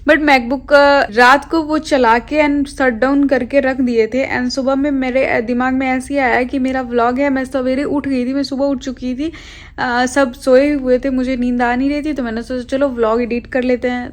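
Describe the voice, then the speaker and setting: A young adult woman vlogger chatting casually to her viewers, rambling and pausing often to search for words. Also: high-pitched, level tone. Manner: chatty, rambling, with frequent hesitations. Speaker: lifestyle vlogger. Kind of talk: casual chat to camera.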